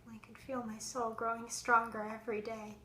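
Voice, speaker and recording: A young woman acting a stage monologue as a fragile, haunted young actress worn down by heartbreak, her voice swinging between hushed whispers and raised outbursts. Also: on the high side, level tone, normal speed, a little hiss or hum. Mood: searching. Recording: echoey room.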